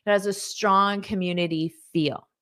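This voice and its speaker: A woman's voice: medium pitch, fairly even intonation, normal speed, fairly bright tone. A woman teaching English in a live online lesson, reading out viewer comments, repeating words patiently and praising students.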